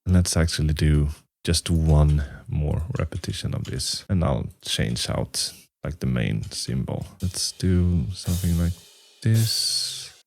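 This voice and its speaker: A man's voice: lively intonation, takes it slowly, a little mellow, dry recording. A man composing a metal song on his computer, talking through each step and humming out rhythms. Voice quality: very deep, gravelly voice. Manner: thinking aloud, humming and scatting rhythms. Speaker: musician and YouTuber. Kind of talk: casual talk-through while composing.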